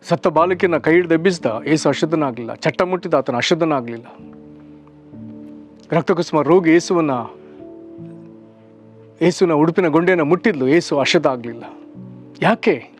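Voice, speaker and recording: A man preaching a short devotional sermon, earnest, slowing and stretching phrases for emphasis. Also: fairly high pitch. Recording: soft music underneath.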